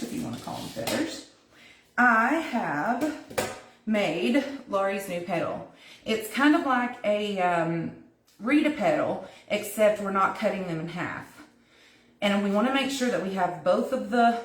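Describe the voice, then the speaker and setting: A woman's voice: mid-range voice, roomy sound. A woman with a Southern US accent from North Carolina, hosting a live craft tutorial and chatting with viewers while she gives step-by-step instructions. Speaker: craft host.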